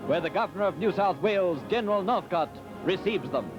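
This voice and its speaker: A man with a high, bright voice reads newsreel narration in the brisk, formal manner of vintage cinema news. The sound is dull and lo-fi, with loud music playing behind him throughout. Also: animated. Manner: brisk, formal announcer delivery.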